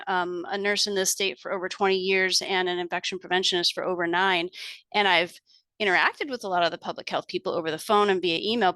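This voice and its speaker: A woman's voice: mid-range voice, sharp tone, no echo. A middle-aged woman hosting an online meeting as a public health lead, friendly and chatty with many fillers and restarts. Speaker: state infection prevention lead hosting office hours.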